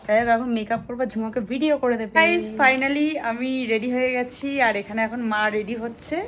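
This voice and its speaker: A woman's voice: a little high, fairly quick, a little hiss or hum. A young woman chatting casually to camera in a vlog, confiding and talkative. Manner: chatty, confiding, speaking softly while eating. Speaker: vlogger.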